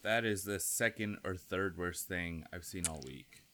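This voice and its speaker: A man playing in a tabletop role-playing game who makes dry, deadpan asides. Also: deep voice, unhurried, slight background noise. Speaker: player.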